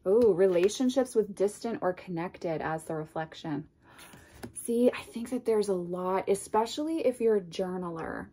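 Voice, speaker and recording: Her voice medium-pitched and moderately paced but stuffed up by a cold, a thirties-aged deck reviewer talks to a desk-distance camera while opening a tarot or oracle deck indoors among bookshelves. She gushes, rambles into asides, and sometimes whispers softly; there's slight background noise.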